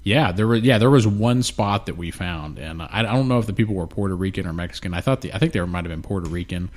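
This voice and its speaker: A man's voice: sits low, lively intonation, fast. A man co-hosting a podcast in casual, profane, rambling chat, sounding a little snotty and nasal, close on a studio mic. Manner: laid-back, profane, rambling. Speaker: podcast co-host. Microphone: studio mic with headphones.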